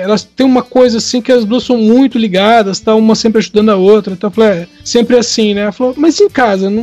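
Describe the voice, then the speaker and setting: High-voiced man telling family stories. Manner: animated storyteller acting out quoted voices. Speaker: father of twin daughters. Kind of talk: casual anecdote telling.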